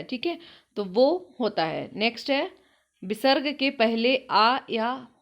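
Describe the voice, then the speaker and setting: A woman's voice: a little high, muffled recording. A woman teaching an online exam-prep lesson, working through questions and explaining them step by step with frequent check-ins. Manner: explanatory, repeats "ठीक है" often.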